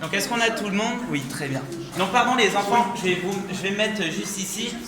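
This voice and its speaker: High-voiced man guiding in an echoing cave. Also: fairly quick. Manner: explains step by step with rhetorical questions. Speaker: tour guide. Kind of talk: guided cave tour talk to a group. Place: echoing underground rock gallery. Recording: echoey cave gallery, clear background noise.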